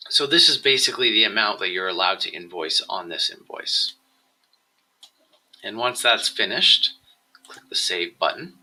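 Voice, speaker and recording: Guiding viewers through software, a man with a lowish voice and a very bright, forward tone presents an instructional screencast, explaining things step by step at a measured pace. The audio is poor.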